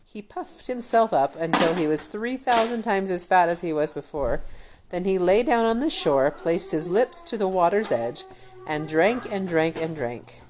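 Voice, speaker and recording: A woman reading a fairy tale aloud in an expressive, animated way. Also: on the low side, normal speed, background noise. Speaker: storyteller.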